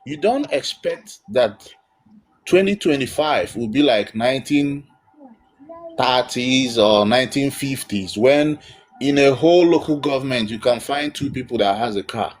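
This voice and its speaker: A man's voice: medium pitch, animated, a little slow, poor audio. A man giving emphatic, blunt spiritual counsel as host of a live call-in.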